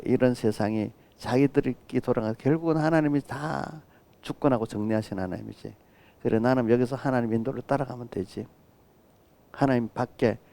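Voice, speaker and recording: A man's voice: lowish voice, vocal fry, warm tone. A middle-aged man preaching an early-morning sermon as pastor, talking with the congregation and often asking "right?". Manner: acts out quoted voices of children and God in his own voice.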